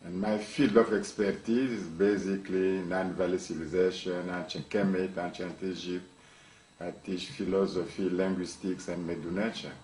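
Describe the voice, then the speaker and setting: A man's voice: deep voice, fairly even intonation, moderate pace, darkish tone, slight background noise. A man from Congo, a university professor, speaking in an interview with emphatic repetitions and frequent restarts. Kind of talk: interview monologue. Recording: echoey room, mic at a distance.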